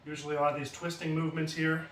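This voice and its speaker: A man's voice: on the high side, monotone, racing, a bit bright, a little hiss or hum. A man demonstrating exercises at home as a fitness instructor, casually explaining each move while he performs it. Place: home basement. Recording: roomy echo from far off, faint ambience.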